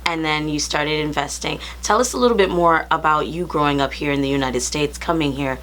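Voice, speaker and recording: A woman's voice: sits low, brisk, a bit bright. A woman hosting a casual interview, encouraging her guest and affirming him often. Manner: encouraging, with many affirming fillers. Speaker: interview host.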